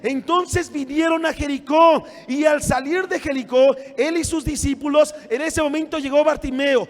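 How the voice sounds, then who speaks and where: A male pastor preaching a sermon, often shouting and acting out scenes from scripture. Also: extremely high pitch. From Mexico. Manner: preaching with frequent shouting and dramatic retellings. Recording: long church hall reverb.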